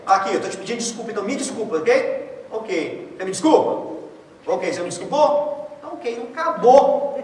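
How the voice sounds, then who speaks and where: Animated Brazilian pastor in an echoey hall. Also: male voice, sits high, fairly quick. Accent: Brazilian Portuguese. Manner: jokey, conversational, acts out quoted voices. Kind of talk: casual sermon. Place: church hall. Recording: echoey church hall, far-off mic, faint noise.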